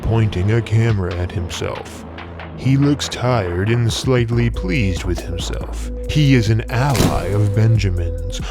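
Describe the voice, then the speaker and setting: A man giving a hammy, theatrical dramatic reading of an article, like a stage actor, as narrator. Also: medium pitch. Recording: music behind the voice. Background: music.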